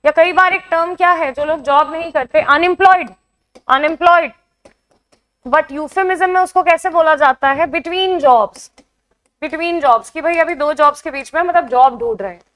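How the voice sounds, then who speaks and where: High-voiced Indian woman teaching a class. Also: brisk, few pauses, fairly bright tone. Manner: explains in mixed Hindi and English, checks understanding with questions. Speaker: exam coaching teacher. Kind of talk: online classroom lesson.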